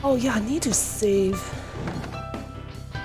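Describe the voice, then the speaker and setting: Speaking slowly in a fairly high voice, this livestreamer rambles casually and giggles through a visual-novel game, letting her sentences drift off. Her commentary sits over background game music.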